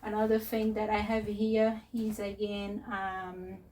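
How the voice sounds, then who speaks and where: Non-native english woman doing a casual vlog tour, slow and halting, bit far from the mic. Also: mid-range voice, monotone, darkish tone. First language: not English. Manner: hesitant, halting phrasing with searching pauses. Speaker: craft vlogger and presenter. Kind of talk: casual unscripted tour narration to viewers. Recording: distant mic with faint noise.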